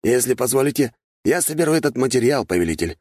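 A man's voice: medium pitch, very animated, fast talker, darkish tone, dry recording, clean studio sound, pitched above the performer's own voice. A man voicing a polite, formal male mage servant in an audiobook. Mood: courteous. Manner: courteous and formal. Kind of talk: audiobook character voice.

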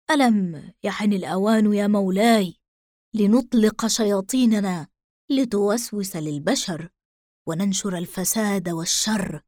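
Big scared demon adviser, gruff shaky voice, pretty dry sound, read by a woman. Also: mid-range voice, darkish tone, no room sound, natural voice. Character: huge frightened male demon adviser.

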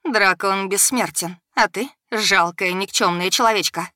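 A woman's voice: mid-range voice, lively intonation, unhurried, bright, forceful tone, no echo, studio quality, pitched above the performer's own voice. Proud hissing goddess in a rage, as a woman reads her. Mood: hissing fury. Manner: hissing, furious. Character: proud vengeful goddess, creator of a dragon.

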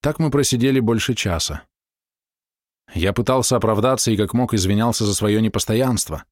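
Man, audiobook narrator, first-person story, expressive, low pitch. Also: normal speed, no room sound, clean studio sound.

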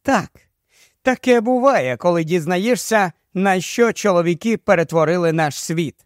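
A sharp-tongued widow from the cosmetics counter, mocking and cutting, as a male audiobook reader puts her on. Her voice sits high and quick to sting. The recording is close and dry, with no room sound. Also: no echo. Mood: sarcastic. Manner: biting, mocking.

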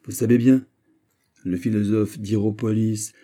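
A man's voice: fairly low pitch, flat delivery, unhurried, mellow. A man voicing a cautious, earnest scholar who raises worried objections in an audiobook. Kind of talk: audiobook character voice.

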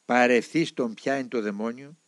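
A man reading a first-person spiritual memoir aloud with dramatic, expressive storytelling. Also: medium pitch, no echo. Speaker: audiobook reader. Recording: dry close recording.

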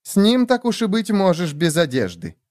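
A man's voice: sits high, huge pitch swings, a little mellow, no echo, clean studio sound, voice pushed up. A man voicing a brash, nervous young woman who turns crude and angry, in a read-aloud story. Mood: nervous teasing. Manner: mocking, crude, quick to anger.

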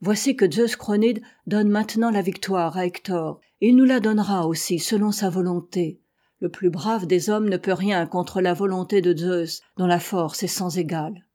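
An old charioteer pressing urgent counsel on a younger fighter, read by a woman narrating an epic. His tone is mellow and warm. Earnest and advising throughout. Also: lowish voice, moderate pace, close to an everyday voice.

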